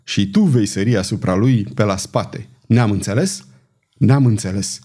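A man's voice: fairly low pitch, expressive, mellow. A man doing a tense, commanding conspirator. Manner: urgent, commanding, clipped. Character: tense, daring male conspirator leading an ambush.

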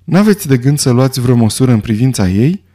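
A man's voice: medium pitch, lively intonation, warm tone, lightly acted. A man voicing a blunt, plain-spoken middle-aged detective.

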